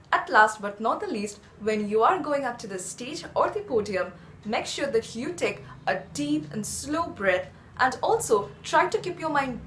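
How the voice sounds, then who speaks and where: High-pitched woman presenting in echoey room. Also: fairly bright tone, slight background noise. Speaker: presenter of a tips channel. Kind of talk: scripted instructional presentation.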